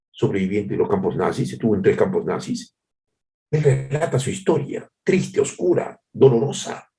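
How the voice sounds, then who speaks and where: A man's voice: mid-range voice, mellow. A male pastor preaching a devotional sermon, repeating phrases for emphasis and calling his listeners brothers.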